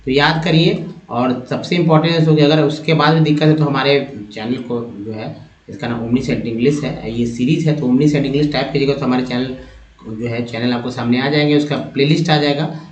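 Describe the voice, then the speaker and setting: A man's voice: medium pitch, steady tone, a little fast. A man teaching English word parts to viewers step by step, addressing them as friends. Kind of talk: spoken phonics lesson. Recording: echoey room, dull lo-fi sound.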